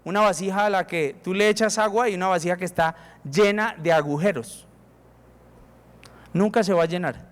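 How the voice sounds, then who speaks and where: High-voiced Colombian pastor preaching. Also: male voice, normal speed, pauses often. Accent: Colombian Spanish. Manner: emphatic preaching, acts out prayers to God. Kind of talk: sermon. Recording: reverberant hall.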